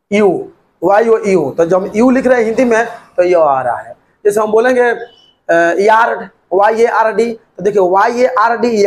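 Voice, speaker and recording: A man's voice: high-pitched, darkish tone. A man teaching an English grammar lesson, repeating points and spelling words out letter by letter.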